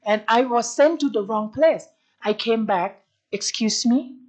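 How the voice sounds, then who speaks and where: Woman lecturer, higher pitch, lively storytelling, halting phrasing. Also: rough recording. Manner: animated storytelling, acts out dialogues; halting non-native English phrasing. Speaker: guest lecturer. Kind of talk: university lecture on service quality.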